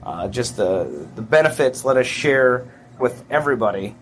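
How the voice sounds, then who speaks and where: Chatty male brewery guest, mid-pitched. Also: normal speed, a little hiss or hum. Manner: relaxed, rambling with restarts and enthusiasm. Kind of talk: casual interview chat.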